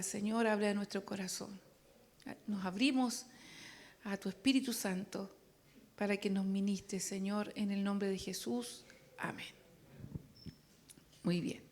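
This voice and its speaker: A woman preaching a sermon, chatty and joking with the congregation. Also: mid-range voice.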